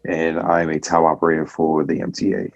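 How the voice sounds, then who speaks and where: A man's voice: extremely low pitch, little pitch movement, fairly quick, gravelly, dry recording. A thirty-year-old man, a guest speaking frankly in a casual group chat. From Brooklyn, New York. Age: 30s. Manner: frank, easygoing. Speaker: panel guest. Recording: dull lo-fi sound.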